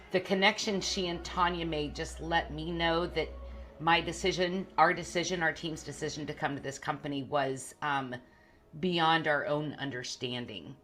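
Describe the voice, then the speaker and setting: A woman hosting a group call as a wellness coach, introducing her guests with effusive warmth. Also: deep voice.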